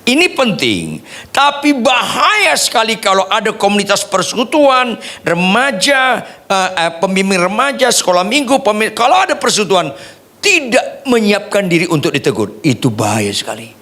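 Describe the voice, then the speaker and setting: A man preaching a sermon as pastor, lively and humorous, swinging between soft asides and raised points. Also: high voice, normal speed.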